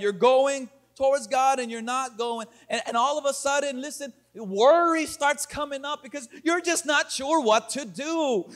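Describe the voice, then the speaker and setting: A man preaching a sermon as pastor, moving from calm talk to loud emphasis. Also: very high voice.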